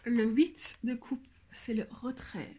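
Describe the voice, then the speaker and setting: A woman casually walking through a card deck on her channel, speaking in a thoughtful, hesitant way and often pausing to search for words. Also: on the high side, expressive, mellow. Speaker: tarot deck reviewer.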